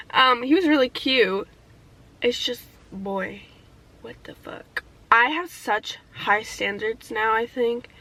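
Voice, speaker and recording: A woman's voice: on the high side, sharp tone, low-quality recording. A young woman talking casually and candidly in a year-in-review vlog, reflective and swearing freely, getting teary at times. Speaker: vlogger.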